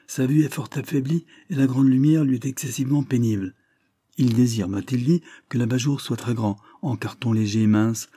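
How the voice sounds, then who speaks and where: Guy reading as a smooth charming young gent, teasing, kinda husky. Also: mid-range voice, warm tone, no echo, clean studio sound, close to an everyday voice. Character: charming courteous young gentleman, playful.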